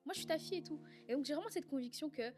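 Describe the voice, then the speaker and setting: A woman's voice: high voice, racing, darkish tone, soft background music. Earnest woman in a faith chat. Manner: earnest, fervent when speaking of prayer. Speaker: podcast co-host. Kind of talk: casual faith conversation.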